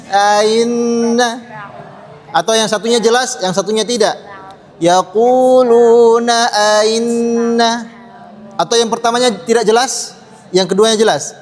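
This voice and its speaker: A man teaching a Quran pronunciation lesson to children, patiently drilling sounds and having the class repeat after him. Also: sits high. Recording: long hall reverb.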